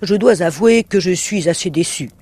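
A greedy horned demon with a cunning, impatient streak, as a male reader puts him on. The voice sits high and pushes loud, swinging between sly coaxing and outright shouting. It belongs to a storybook reading. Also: moderate pace, husky. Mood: scornful. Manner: sly, blustering, sometimes shouting. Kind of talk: audiobook reading.

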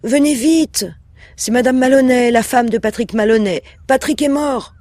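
A man voicing a sweet, scheming young housewife in a high, pleading voice. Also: moderate pace, a little mellow, no room sound. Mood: frantic, tearful. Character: young housewife, sweetly cunning, tearful on demand.

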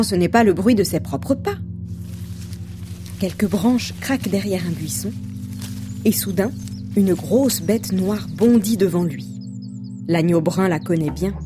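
Gentle, slow storybook reader, a woman. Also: medium pitch. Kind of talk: scripted storybook narration.

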